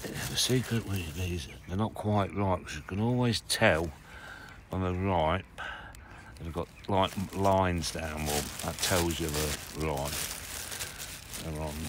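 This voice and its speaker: Among his allotment greenhouses and plots, partly outdoors, a sixty-something English vlogger talks casually to camera about his harvest. He rambles and frequently corrects himself, speaking slowly in a deep voice over background noise.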